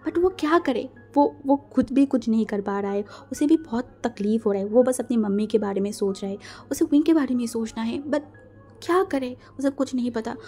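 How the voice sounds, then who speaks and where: A woman narrating a fan fiction story, acting out the quarrels with strong emotion. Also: a little high. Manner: emotional, voices quarrels loudly.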